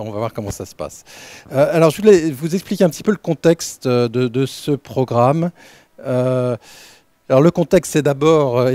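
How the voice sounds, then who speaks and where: A man giving an unscripted welcome talk as director of a research lab, halting, with many fillers and restarts. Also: medium pitch, mellow, no room sound. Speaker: lab director opening a training session.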